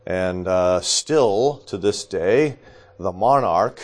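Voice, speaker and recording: A man teaching a small church class, deliberate and lightly joking, checking in with his listeners and coughing now and then. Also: deep voice, expressive. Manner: deliberate, adds joking asides and checks in with "okay?".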